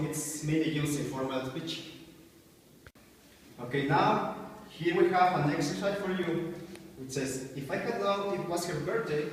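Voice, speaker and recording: A man slowly explaining grammar to a class, pausing and restarting often. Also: on the high side, recorded from a distance, slight background noise. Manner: slow, halting, many restarts. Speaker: student presenter. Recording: echoey room recorded from afar.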